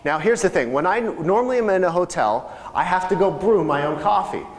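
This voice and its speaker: A man's voice: high voice, lively intonation, a little fast. Man training a live room. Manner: conversational, asks the audience questions. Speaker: real estate sales trainer. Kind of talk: live training seminar talk. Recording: live room recording with long reverb.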